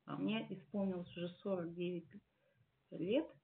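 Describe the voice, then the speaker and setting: Earnest gravelly woman on a tinny line. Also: on the low side, steady tone, slight background noise. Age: 40s. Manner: earnest, musing, many fillers and pauses. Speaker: church member giving testimony. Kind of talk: personal testimony at a service. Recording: tinny phone-like sound.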